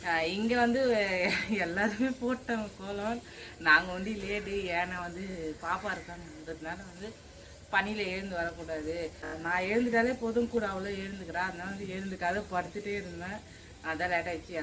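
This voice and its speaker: A young woman talking to her followers in a relaxed vlog, calling them friends as she walks around outside. Her voice sits at a middling pitch, and the phone picks up clear outdoor noise around her. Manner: chatty, addresses viewers as friends. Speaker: vlogger. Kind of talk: casual vlog narration. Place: outdoors at a village house and street. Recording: noisy outdoor phone recording.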